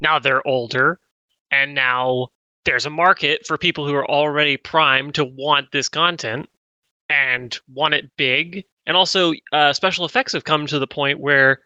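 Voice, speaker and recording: A man's voice: a little high, steady tone, unhurried, bright, forceful tone, clean tone, dry recording, muffled recording. A man co-hosting a podcast, chatting casually and repeating his points emphatically. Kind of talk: casual chat.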